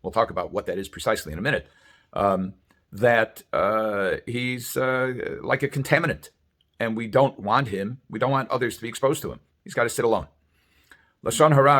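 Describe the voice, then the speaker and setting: A rabbi gives a religious sermon, explaining sources in a halting, deliberate way full of hesitations. His voice is lowish with a fairly bright tone.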